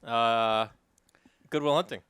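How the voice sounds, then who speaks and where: A man's voice: medium pitch, slow pace, a bit bright, clear, resonant tone, no echo, studio quality. A man with a New York accent co-hosting a podcast, teasing his friend with hypothetical questions in casual banter. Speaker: podcast co-host.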